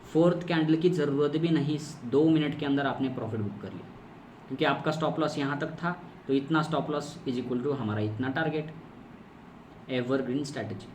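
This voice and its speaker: A man with a medium, darkish voice and moderate pace teaches chart-based trading strategy in a screen-recorded course lesson. Explaining step by step, he keeps repeating key terms and asking himself questions. The mic is distant, and the room is echoey with faint noise.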